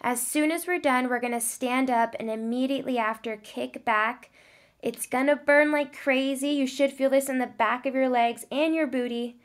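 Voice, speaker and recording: A woman's voice: high-pitched, moderate pace. A woman fitness vlogger giving encouraging step-by-step workout instructions. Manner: encouraging, coaching.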